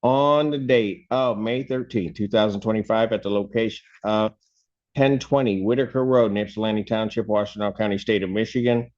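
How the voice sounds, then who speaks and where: A man presiding as a judge at a plea hearing, asking formal questions in a measured way, heard through a courtroom recording. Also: on the low side, fairly even intonation, a little mellow. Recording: dull courtroom audio recording.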